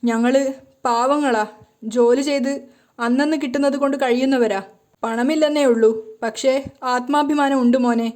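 A poor, proud older mother who pleads through tears, voiced by a woman reading the story aloud. The tone is soft and a bit high. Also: fairly even intonation, measured pace, pauses often. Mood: tearful. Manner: pleading, tearful.

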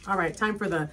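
A woman's voice: mid-range voice, bright, forceful tone, a little hiss or hum. A woman food vlogger chatting casually while tasting snacks, talking with her mouth full with touches.

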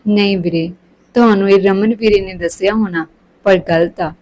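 A woman's voice: medium pitch, fairly even intonation, normal speed, darkish tone, close to an everyday voice, low-quality recording. A woman voicing an earnest, chatty young village girl in a storybook reading.

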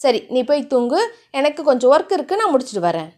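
A woman voicing a gruff, teasing young man, the hero of a romance audiobook, in a mock-threatening way. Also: high-pitched, big pitch swings, fast, darkish tone. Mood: gentle.

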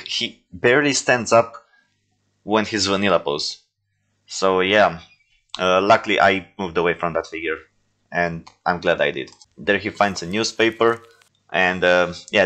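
Man, deep voice, toy-film creator reacting to his past work, loose and self-mocking, jokey asides. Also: fairly bright tone. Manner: rambling, self-deprecating, joking. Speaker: stop-motion filmmaker reviewing his own movies. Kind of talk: casual reaction commentary.

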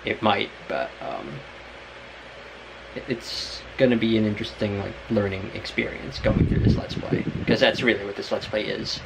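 Rambling low-voiced young man vlogging. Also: normal speed, creaky, heavy background noise. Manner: rambling, many fillers and restarts. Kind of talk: casual vlog chat.

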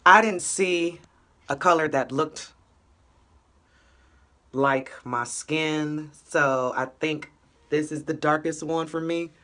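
Deep-voiced and fairly bright in tone, the young woman talks slowly with long pauses. As an upbeat, slangy beauty vlogger she chats casually into a phone camera held close, going from a small room at home to a city street and a gym.

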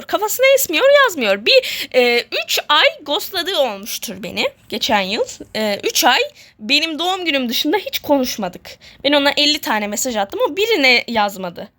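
A woman's voice: high-pitched, bright, forceful tone. A woman chatting casually while playing a game, rambling, joking about herself and repeating the same words over and over. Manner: jokey and self-mocking. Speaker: gamer vlogger. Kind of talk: casual let's-play chatter.

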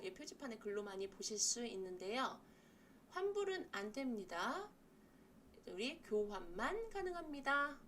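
A woman teaching an online English lesson for older learners. She explains in brisk Korean and says the English phrases slowly so listeners can repeat them. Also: fairly high pitch, slight background noise.

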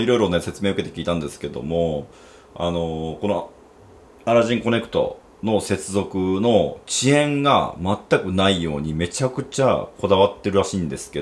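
A man's voice: sits low, slight background noise. A man with a Kansai accent hosting a casual gadget unboxing review, chatty and thinking aloud with lots of fillers. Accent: Kansai Japanese. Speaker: gadget reviewer and channel host.

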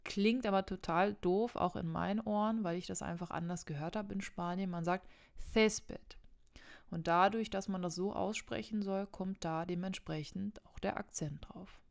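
A woman's voice: medium pitch, fairly even intonation, moderate pace, creaky, few pauses. A young woman teaching Spanish in a casual online video lesson, talking straight to the viewer and correcting herself as she goes. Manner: chatty, self-correcting, addresses viewer directly.

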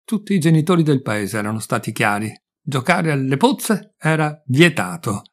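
A man narrating a short story in a measured, deliberate reading voice. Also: medium pitch, very animated. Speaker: audiobook reader.

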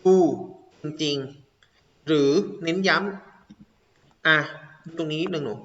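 A male teacher giving an online English grammar lesson, explaining step by step and repeating words slowly. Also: a little high, fairly bright tone. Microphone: video call. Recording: dull lo-fi online class audio.

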